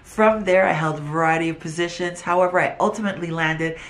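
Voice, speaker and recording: A middle-aged woman, originally from Trinidad and Tobago, speaking earnestly as a business owner in a pitch video, now and then restarting a phrase. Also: fast talker. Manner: earnest and heartfelt, with some restarts.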